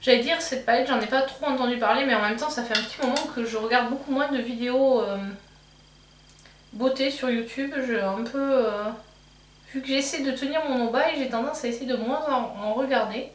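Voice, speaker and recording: A woman's voice: a little high, a little fast, recorded from a distance. A woman vlogger chatting casually while doing her makeup, thinking aloud with fillers and restarts. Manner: rambling, thinking aloud with many fillers and self-corrections. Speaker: beauty vlogger. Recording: echoey room, voice from off-mic, faint hum.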